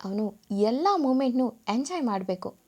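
A middle-aged father, quiet and wistful, speaking slowly and low, as a woman storyteller puts him on. His voice is calm and unhurried.

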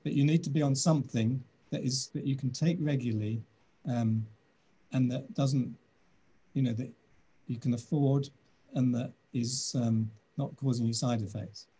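British doctor in his sixties, video call from his office, husky and mellow, thoughtful with frequent ums. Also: mid-range voice, steady tone. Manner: measured, thoughtful, many "um"s. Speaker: doctor answering questions. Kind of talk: webinar Q&A.

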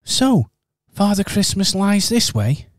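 A man's voice: high voice, sing-song, takes it slowly, no echo, studio quality, full character voice. A man voicing a polite, earnest male teddy bear in an amateur radio pantomime, talking in a slightly bewildered way.

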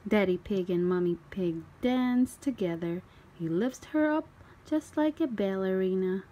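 This storytime host has a mid-range voice and reads at a measured pace. She brings a children's storybook to life expressively, performing its dialogue and sound effects.

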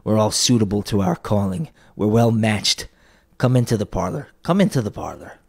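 A man reading a story aloud, voicing a sly old rag-shop dealer in a gruff, chuckling voice. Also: fairly low pitch, expressive, moderate pace, a little mellow.

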